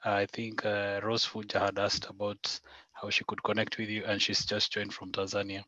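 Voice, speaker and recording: Male webinar host, bright and flat-toned. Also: on the low side, normal speed, dry recording, muffled recording. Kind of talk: webinar moderation.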